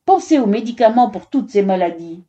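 A woman's voice: mid-range voice, lively intonation, brisk, mellow, highs cut off, natural voice. A woman reading a storybook, voicing an old village aunt who gathers herbs and tries to reason with the men. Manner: patient, reasoning.

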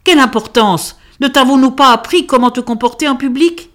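A woman reading aloud, voicing a stern, worried father who scolds his daughter in a loud voice. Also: sits high, fairly quick, voice pushed up. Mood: angry.

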